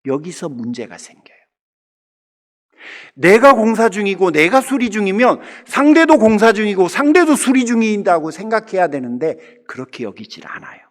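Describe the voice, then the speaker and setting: A middle-aged man from the Jeolla region of Korea delivers a Sunday sermon in a church. He sits a little high for a man and rides a very animated pitch line. He talks to the congregation directly and loosens them up with jokes. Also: normal speed. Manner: humorous, conversational preaching that keeps addressing the congregation. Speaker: pastor. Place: church sanctuary.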